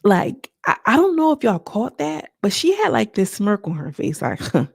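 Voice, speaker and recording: A woman's voice: mid-range voice, sing-song, moderate pace, vocal fry, husky, dry recording, clean studio sound. A woman casually recapping a reality show for her viewers, chatty and gossipy, talking straight to her audience. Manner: chatty, addresses audience as y'all and girl, trailing restarts.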